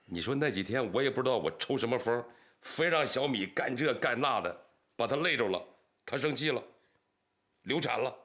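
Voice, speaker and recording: An actor playing an older man, an anxious father who longs for grandchildren, lamenting and sometimes shouting. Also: mid-range voice, lively intonation, normal speed. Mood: grieving. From Northeast China. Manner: lamenting, bursts into angry shouting.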